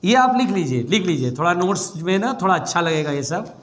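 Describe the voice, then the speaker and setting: A man teaching a physics class, calling students "beta" and stressing key phrases slowly. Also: high voice, sing-song, a bit bright.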